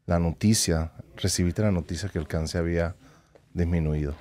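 Male podcast host, very low, mellow voice, supportive prompts. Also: moderate pace. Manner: supportive, brief prompts and follow-up questions. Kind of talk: interview questions.

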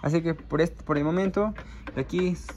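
A man's voice: on the high side, normal speed, a little mellow, slight background noise. A man running a small poultry project, chatting casually to his viewers with plenty of fillers. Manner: chatty, addresses viewers as friends, frequent fillers. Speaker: small-scale poultry farmer. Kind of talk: casual vlog explaining his chicken project. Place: outdoors at a chicken coop. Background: hens and roosters clucking faintly.

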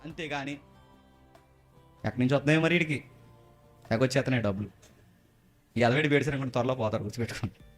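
A man pastor preaching a sermon, asking rhetorical questions and repeating warnings as his voice climbs to high, emphatic peaks. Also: fast talker, long pauses, soft background music.

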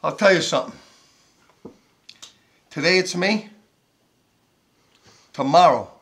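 A man's voice: a little high, expressive, takes it slowly, fairly bright tone, heavily acted. A man playing a foul-mouthed menacing tough guy. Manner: profane, threatening. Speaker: actor in film scenes. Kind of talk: film drama acting. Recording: film audio with music underneath.

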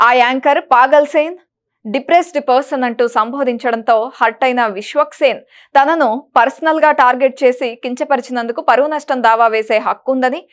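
A woman presenting entertainment news, reading a script in a brisk, even manner. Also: sits high.

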